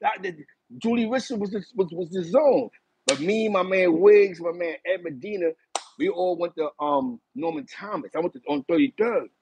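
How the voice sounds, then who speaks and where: A middle-aged man from East Harlem with a New York accent, telling stories in a casual chat from a small room, animated and talking with his hands. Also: sits high, normal speed, lo-fi sound, slight background noise. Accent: New York City. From East Harlem, New York City. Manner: animated, gestures a lot while reminiscing. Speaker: host. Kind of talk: casual storytelling to a live chat. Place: small bright room indoors.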